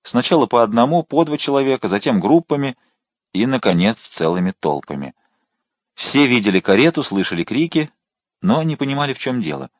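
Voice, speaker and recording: Male narrator, dramatic storybook reading, animated delivery, dry booth sound. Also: mid-range voice, fairly quick, dry recording. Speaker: audiobook narrator. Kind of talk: scripted narration.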